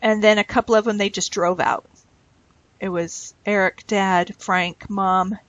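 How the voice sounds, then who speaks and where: A woman talks through her scrapbook page at home, rambling off topic and laughing easily. Her voice sits at an ordinary middle pitch. The sound is dry and close, with little room around it. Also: steady tone, unhurried, a bit bright, no echo, muffled recording. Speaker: craft vlogger. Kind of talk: casual chat while scrapbooking.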